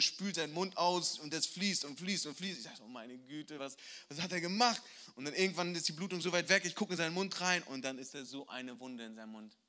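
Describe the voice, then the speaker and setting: A male pastor preaching a sermon, telling a personal story with emotion and moving between loud passages and hushed ones. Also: fairly high pitch.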